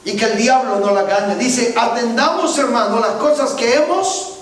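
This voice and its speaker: A male pastor delivers his sermon in an unusually high voice, often pausing to ask whether his listeners follow. He stands well back from the microphone. His words ring through a heavily echoing church. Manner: preaching, often checks in with listeners. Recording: very echoey church from far off.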